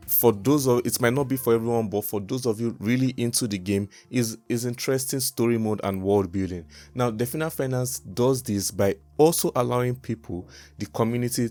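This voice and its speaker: A crypto YouTube host, a man with a lowish, darkish voice, narrates a scripted-style promotional review vlog. He plays the crypto bro, hammering home the same selling points with emphasis.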